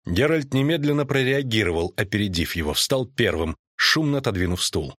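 A man reads a fantasy audiobook in an even, measured way. His voice sits low and the recording is close and dry with no room sound. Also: no room sound. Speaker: audiobook narrator. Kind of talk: scripted fantasy narration.

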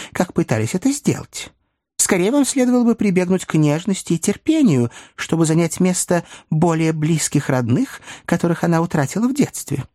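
A man voicing a mild, kindly older gentleman in a story reading, earnest, polite and formal. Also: on the high side, no echo, clean studio sound, voice pushed up.

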